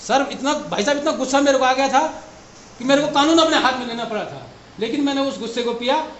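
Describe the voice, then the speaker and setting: Man, upset parent, high strained voice, public complaint, echoey hall, faint noise. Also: fast talker, muffled recording. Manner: agitated and emotional, rising to shouts. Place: meeting hall.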